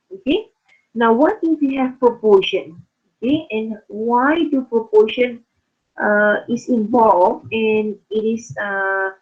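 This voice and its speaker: A woman lecturing on statistics in an online class, losing her voice and speaking haltingly with many fillers. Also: fairly high pitch. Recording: phone-like narrow sound.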